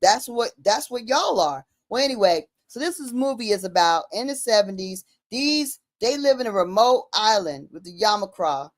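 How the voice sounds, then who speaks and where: A woman's voice: mid-range voice, lively intonation, moderate pace, few pauses. A woman talking casually and emphatically, using slang and repeating phrases to drive her points home. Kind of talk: casual conversational commentary.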